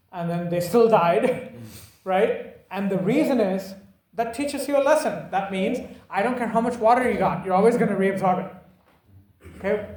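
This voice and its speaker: A man's voice: high-pitched, a little mellow, slight background noise. A man lecturing a class in an emphatic, teasing way, repeating key points and checking that students follow. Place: lecture room. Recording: echoey room from far off.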